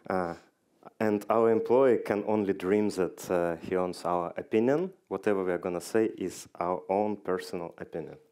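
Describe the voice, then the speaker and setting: A man's voice: sits low, moderate pace, darkish tone, smooth. A man giving a conference talk, joking dryly and quizzing the audience. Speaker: conference speaker. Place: conference hall stage.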